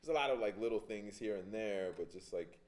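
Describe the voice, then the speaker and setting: A man born in Honduras and raised in Brooklyn, talking as an interview guest in a relaxed, hesitant way full of fillers. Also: lowish voice, fairly quick. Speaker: public artist, interview guest. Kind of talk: casual interview chat.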